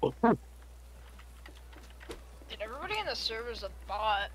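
A young man joking loudly while gaming with friends. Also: high-pitched, sing-song, unhurried, crowd noise, rough recording. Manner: loud, rowdy, joking. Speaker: friend on stream. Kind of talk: casual gameplay chat.

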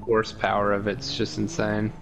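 A man's voice: on the low side, completely flat delivery, normal speed, creaky, a bit bright, soft background music, poor audio. A man casually explaining car parts to friends during an online game. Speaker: gamer friend. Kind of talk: casual gaming chat.

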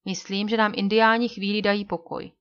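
A woman's voice: medium pitch, little pitch movement, a bit bright, smooth, dull audio, close to an everyday voice. Woman reading a commanding frontier hero. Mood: firm. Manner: firm, giving orders.

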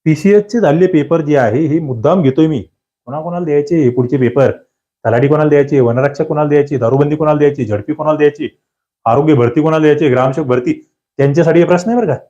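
A man giving an online exam-prep lecture, drilling grammar questions with lively, rising emphasis and questions to his students. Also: a little high, fast talker, muffled recording.

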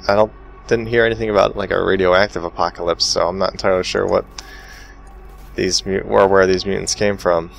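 A man hosting a let's play, reading game text aloud and reacting with sudden excited outbursts. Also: deep voice, brisk, vocal fry, faint music behind. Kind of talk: casual gameplay commentary.

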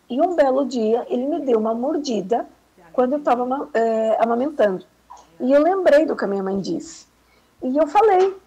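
A woman shares a motherhood story in a relaxed, reflective way over a video call. Her voice is husky and mellow, sitting slightly high in her range. She speaks gently and takes her time. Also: poor audio. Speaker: guest mother. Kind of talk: casual chat.

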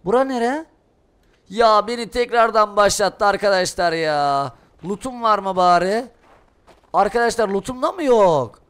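A young man doing Let's Play commentary, excitable, cursing and shouting at the game. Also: sits high, measured pace, clean tone. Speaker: gaming streamer. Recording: noisy gameplay audio behind voice. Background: game sounds and ambience.

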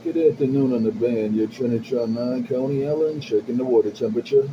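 A man chatting over a CB radio channel from his base station. His voice comes through muffled and lo-fi, with loud static hissing behind it. He keeps circling back to the same rhythmic call-outs and sign-offs. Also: medium pitch, fairly quick. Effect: CB radio transmission. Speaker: CB radio operator.

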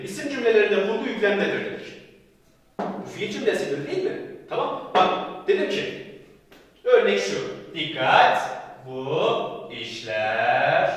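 A man teaching grammar for an exam, stressing warnings and answering his own questions. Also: high-pitched. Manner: emphatic, repeats warnings, asks and answers students' questions himself. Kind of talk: recorded exam-prep lecture. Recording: echoey hall from far off.

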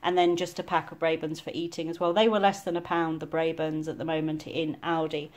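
Middle aged woman, slightly low voice, chatty and rambly, lots of ums, talking at a camera in her kitchen. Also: flat delivery, fairly quick. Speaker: vlogger doing a grocery haul. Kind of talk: casual chat over products. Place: home kitchen, indoors.

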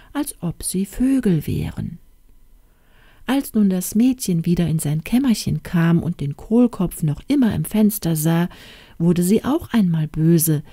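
A woman reading a fairy tale aloud in a calm, measured storytelling manner, close to the mic. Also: lowish voice, dry recording. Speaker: audiobook reader.

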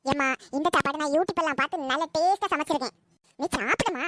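Woman doing a sweet-talking sneaky daughter, really high voice, noisy recording. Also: fast talker, close to an everyday voice. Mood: coaxing. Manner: wheedling, pleading. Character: coaxing, scheming adult daughter. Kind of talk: comedy skit acting.

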